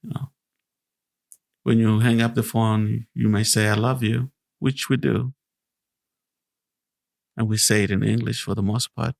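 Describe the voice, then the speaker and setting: A man from Zimbabwe hosting a podcast, talking in a slow, earnest and reflective way with restarts. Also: fairly low pitch, steady tone, gravelly. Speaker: podcast host.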